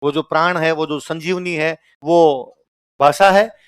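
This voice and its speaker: Young rajasthani guy teaching a class, jokey, quizzes the room, smooth clear voice, dry sound. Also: a little high, measured pace, no echo. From Churu, Rajasthan. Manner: lively, jokey, asks the class questions. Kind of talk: classroom lecture.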